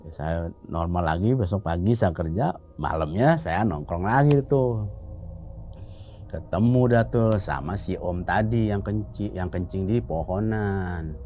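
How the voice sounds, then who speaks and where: A man telling a ghost story in a chatty, excitable way, full of little fillers. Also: sits low, a little slow, slight background noise. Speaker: guest storyteller. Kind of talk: casual spoken ghost story.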